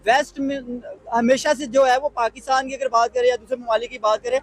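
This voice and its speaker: High-voiced man arguing a point. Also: level tone, fairly quick, a little hiss or hum. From Pakistan. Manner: forthright, argumentative. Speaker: talk show commentator. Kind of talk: opinionated commentary.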